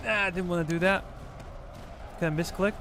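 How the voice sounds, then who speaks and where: Chatting with viewers while directing troops in a strategy game, this Serbian streamer talks casually in a Serbian accent. He speaks high and fairly quickly with fairly even intonation, over background noise.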